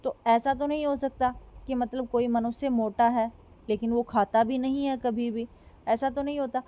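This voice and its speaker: Lo-fi woman teaching, high voice. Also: steady tone, warm tone. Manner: asks questions and answers them herself, repeats examples slowly. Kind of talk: explanatory classroom lecture. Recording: dull lo-fi recording.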